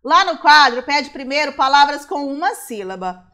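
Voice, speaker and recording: A Brazilian woman teaching a primary school class, sounding out words slowly syllable by syllable. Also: high-pitched, sing-song, pushed and bright. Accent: Brazilian Portuguese. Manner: slow, syllable-by-syllable explaining.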